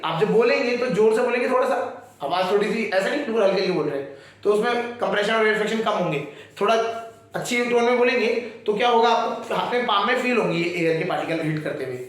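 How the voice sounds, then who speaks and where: A man with a high-sitting, slightly bright voice teaches a science class quickly and expressively, explaining patiently with terms and often checking that students follow. The room is very echoey.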